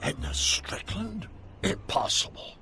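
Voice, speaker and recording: An actor playing an excitable, eccentric old male scientist in a video game, gravelly, with formal, emphatic wording. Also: slow, soft background music. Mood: shocked.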